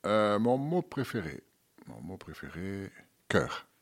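A man's voice: low-pitched, big pitch swings, slow pace. A man answering questions as a guest on a radio show, hesitant, with many fillers and repeated words. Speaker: guest, charity volunteer.

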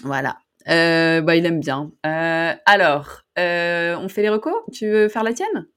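A woman's voice: on the low side, a little slow, fairly bright tone, smooth. A woman from northern France co-hosting a podcast, chatting casually with frequent fillers and restarts. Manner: hesitant, many fillers and restarts. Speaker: podcast co-host. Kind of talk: casual chat.

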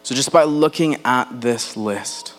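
Earnest male pastor preaching, faint hum. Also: mid-range voice. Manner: earnest preaching, slowing to stress key words; addresses the congregation directly with questions. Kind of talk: sermon.

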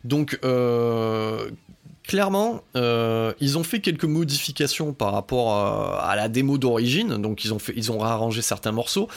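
A man hosting a podcast, giving a casual, excitable album review full of swearing, fillers and restarts. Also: medium pitch, moderate pace, vocal fry.

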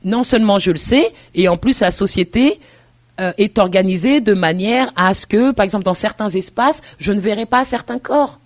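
A woman's voice: mid-range voice, moderate pace. A woman university lecturer answering interview questions earnestly, thinking aloud with hesitations and restarts and often checking that the listener follows.

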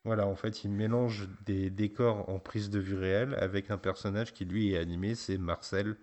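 A man hosting a casual film podcast, gently prompting his child with questions and often pausing to hesitate. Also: fairly low pitch, fairly even intonation. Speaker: podcast host; father interviewing his child.

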